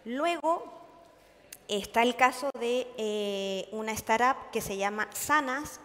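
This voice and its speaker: A woman's voice: fairly high pitch, slow, fairly bright tone. A woman giving a conference talk to an audience, earnest and full of hesitations, often checking in with her listeners. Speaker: conference speaker. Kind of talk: public lecture to an audience. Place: large conference hall. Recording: long hall reverb.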